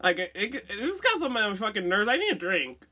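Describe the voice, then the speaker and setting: A woman's voice: mid-range voice, sing-song, brisk, sharp tone. A woman with a lisp, as if wearing a retainer, telling a personal story in a blunt, sweary, conversational storytime style. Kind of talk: candid casual storytime rant.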